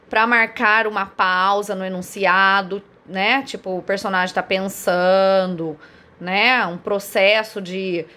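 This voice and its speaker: A woman's voice: mid-range voice, fairly bright tone. A woman teacher giving a recorded lesson, explaining step by step and checking in with listeners often. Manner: explanatory, frequent "né?" and "olha só" check-ins; lists synonyms in a row.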